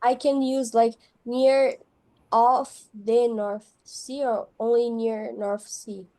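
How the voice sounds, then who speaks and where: A woman's voice: a little high, flat delivery, drawn-out words, mellow, low-quality recording. A woman student, answering English exercises hesitantly with fillers and restarts.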